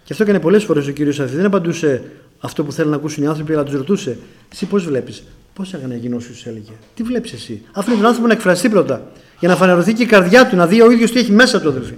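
A man's voice: on the high side, lively intonation. A middle-aged Greek man from Greece preaching a testimony sermon, telling a story and often calling out to the brothers.

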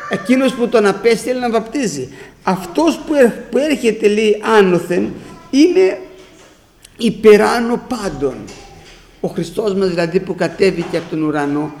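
High, gravelly preacher in an echoey room. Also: male voice, darkish tone, a little hiss or hum. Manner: emphatic, repeats phrases, mixes in scripture. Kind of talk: sermon. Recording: roomy echo.

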